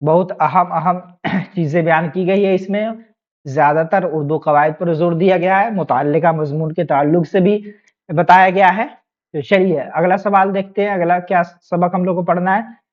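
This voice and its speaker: A woman teaching an online exam-prep lesson, explaining patiently and repeating each point with quick questions to her students. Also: on the low side, steady tone, dull audio.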